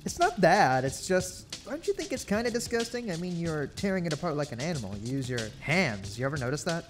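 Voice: mid-range voice, big pitch swings, fairly quick, music in the background, natural voice. An actor playing an earnest, exasperated young detective partner in a comedic short film. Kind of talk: comedic student film acting.

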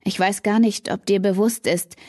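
A woman's voice: medium pitch, steady tone, normal speed, darkish tone, no room sound, clean studio sound, close to an everyday voice. A woman voicing a cocky, charming young male student in an audiobook, pleading in an easygoing way.

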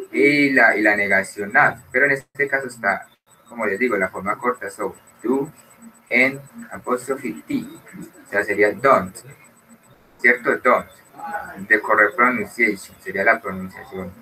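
A man teaching an English grammar lesson, explaining slowly and often checking with "¿cierto?". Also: fairly low pitch, pushed and bright, recorded from a distance, slight background noise, poor audio. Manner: explains slowly, mixes Spanish and English, keeps asking "¿cierto?". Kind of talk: recorded online grammar lesson.

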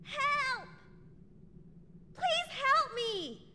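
Scared trapped woman begging for help, super high squeaky voice, crowd noise behind. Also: big pitch swings, very slow, exaggerated voice. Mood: pleading. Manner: pleading, panicked calls.

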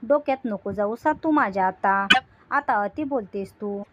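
A woman's voice: mid-range voice, moderate pace, lo-fi sound, noisy background, natural voice. Woman reading as an irritated young husband. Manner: short, irritated retorts.

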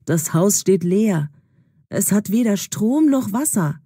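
A woman's voice: medium pitch, expressive, slow, husky, no room sound, studio quality, exaggerated voice. A woman voicing a caring young man in a storybook, speaking firmly and soothingly. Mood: reassuring. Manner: firm and soothing, louder than the narration.

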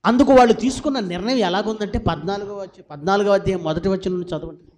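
A man's voice: high voice, fast, a little mellow. A man pastor preaching a sermon to a packed hall, asking the congregation questions and answering them himself, with sudden rises and drops in volume. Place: large church hall with about four hundred people.

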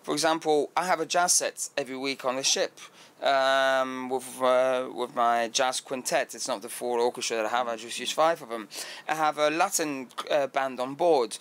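A man's voice: medium pitch, fairly even intonation, a bit bright. Man, talkative cruise director. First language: French. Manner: fluent and talkative, frequent filler pauses. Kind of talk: podcast interview answers.

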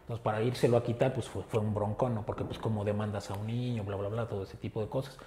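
A man with a Mexican Spanish accent, an animal rescuer, talking earnestly in an interview and often pausing on filler words. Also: lowish voice, level tone, warm tone. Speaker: animal rescue group founder. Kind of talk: casual interview talk. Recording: roomy echo with faint ambience.

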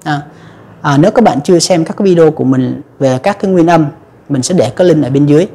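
A woman's voice: sits low, quick pace, mellow, slightly rough. A woman teaching English pronunciation to viewers, patiently explaining step by step with frequent fillers. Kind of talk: pronunciation lesson.

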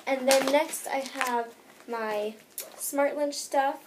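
A high-voiced American teen girl takes her time in a noisy recording, chatting to the camera in her bedroom. She goes through what's in her bag, rambling and leaning heavily on "like."

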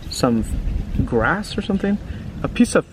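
His fairly high voice swings widely in pitch as this man, a children's book reader and teacher, reads unhurriedly to children. The tone is informal and chatty, peppered with questions and tag questions aimed at the listener, against a noisy background.

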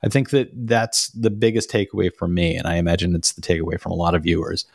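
A man's voice: sits low, steady tone, fast, vocal fry, no echo. A man in his forties co-hosting a podcast from a room at home, chatting casually with wry joking asides into a studio mic. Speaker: podcast co-host. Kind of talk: casual chat. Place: home room with door and framed picture. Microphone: studio mic with pop filter.

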